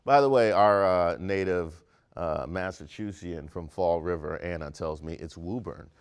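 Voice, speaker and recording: A man in his thirties from Maryland hosting a comedic news segment, wisecracking with animated punchlines in a studio. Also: sits low, moderate pace, smooth. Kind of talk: scripted comedic news commentary. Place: studio with brick wall set.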